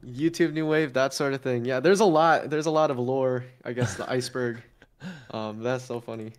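A man's voice: mid-range voice, steady tone, brisk, smooth. A young man chatting casually as a guest over an internet voice call, laid-back and often saying "dude.". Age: young adult. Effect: heard over an internet voice call. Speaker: guest creator. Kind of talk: casual chat.

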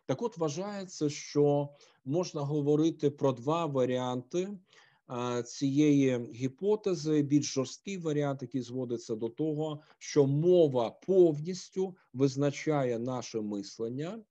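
A man giving an online philosophy lecture, halting often with filler sounds. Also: a little high, dark tone. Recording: dull lo-fi audio.

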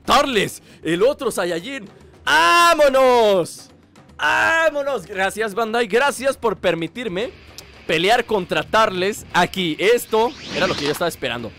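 Male gamer, high and very animated, game music behind. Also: moderate pace. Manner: excitable, shouts during fights, joking trash talk. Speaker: gameplay streamer. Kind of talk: excited gameplay commentary.

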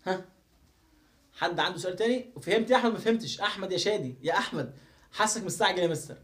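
High-voiced Egyptian man teaching phonics. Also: very fast, fairly bright tone. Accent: Egyptian Arabic. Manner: repetitive, drills pronunciation over and over. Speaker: English teacher. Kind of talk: live online phonics lesson.

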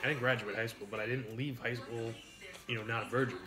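Over music, a mukbang streamer in his thirties chats casually while eating at his home kitchen table, cracking crude jokes and reading out viewer names. He talks fast in a mid-range voice with fairly even intonation.

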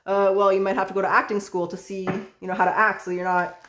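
Woman tarot reader, casual and excitable, chatty, swears freely, mid-pitched voice, echoey room. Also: fast, background noise.

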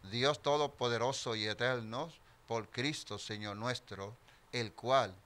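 Middle-aged male priest, bright forceful tone, solemn liturgical delivery, altar mic in a small chapel. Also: mid-range voice. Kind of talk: celebrating mass. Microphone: stand mic at the altar.

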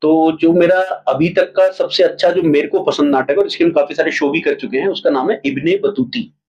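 Telling stories with energy, a man who writes and directs plays acts out small examples during a casual interview. He talks fairly quickly, his voice on the high side and slightly rough, and the audio sounds dull.

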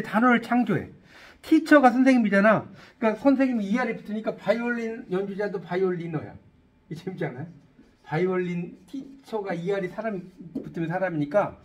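A middle-aged man teaching an English lesson in Korean, quizzing his listeners and joking as he goes. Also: sits high. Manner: lively, asks students questions, jokes. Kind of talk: classroom-style lecture.

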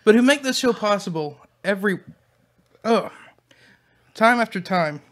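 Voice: mid-range voice, expressive, a little slow. A co-host chatting casually on a hot-sauce episode, sweating from the heat, often repeating and restarting words. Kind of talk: casual chat while eating hot sauce.

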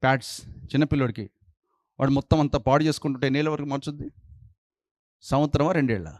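A man preaching a sermon as pastor, scolding his listeners with rapid-fire rhetorical questions. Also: medium pitch, fairly even intonation, darkish tone, no echo, studio quality.

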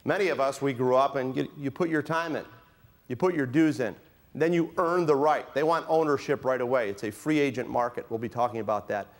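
A middle-aged man delivers a conference keynote in a hall with a live audience, joking with listeners and asking for a show of hands. His voice is mid-range and fairly quick.

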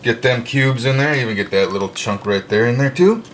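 A man with a mid-range voice briskly narrates his home cooking step by step, chatty, relaxed and full of fillers. He's recorded in a kitchen with the windows open, with slight background noise.

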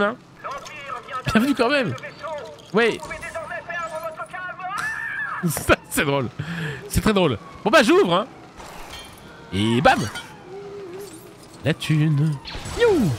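This high-voiced man from France streams himself playing a video game with energy. His relaxed live commentary is talkative and animated, with frequent laughter and loud reactions.

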